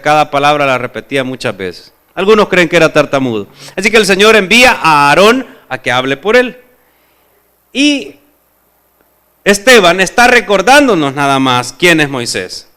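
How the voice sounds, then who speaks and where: Bright clear-voiced male preacher. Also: a little high, moderate pace. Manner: asks the congregation questions, expressive. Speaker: pastor. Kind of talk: sermon.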